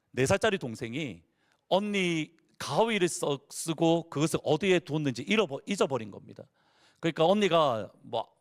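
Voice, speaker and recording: A male pastor preaching a Sunday sermon in a church, asking the congregation questions as he goes. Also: on the high side. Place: church sanctuary.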